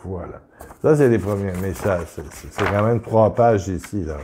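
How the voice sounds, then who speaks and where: A middle-aged man with a Québécois accent gives an informal spiritual talk, reading viewers' letters aloud in a halting way with many restarts. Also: fairly low pitch, noisy background. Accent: Québécois French.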